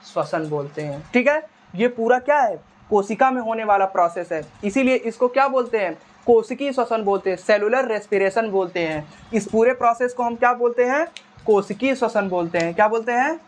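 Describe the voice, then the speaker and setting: A man's voice: high-pitched, lively intonation, a little fast. A male teacher giving a classroom biology lecture in a conversational style. He keeps asking short questions, answers them himself, and repeats the key terms.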